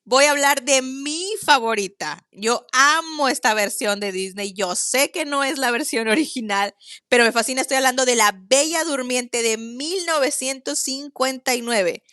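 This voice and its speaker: A woman co-hosting a podcast, chatting casually in quick bursts and laughing often. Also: high voice, bright, forceful tone, dry recording, clean studio sound. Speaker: podcast co-host.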